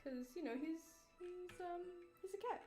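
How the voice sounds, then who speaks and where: A woman in her twenties, an artist livestreaming while she draws, chats casually in a very high-pitched, mellow voice at a moderate pace. Tired and yawning, she rambles, swears offhand, and makes self-mocking jokes. The sound is reverberant, with soft background music.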